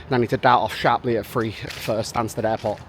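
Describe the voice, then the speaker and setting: A business founder from Manchester, England, chats casually to camera in a vlog, rambling and filling his speech with "um" and "like." His mid-range voice is brisk with fairly even intonation, and there is slight background noise.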